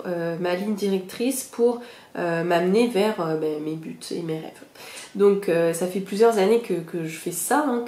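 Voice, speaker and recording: A young woman talks her listeners through a goal-setting method like a friendly teacher. She speaks loosely, with lots of fillers and little self-mocking asides, and keeps checking in with her listeners. Her voice sits at an ordinary pitch and comes back off the walls of an echoey room. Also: a little mellow. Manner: chatty, many fillers, self-mocking laughs; addresses listeners directly, reassuring. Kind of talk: casual spoken lesson.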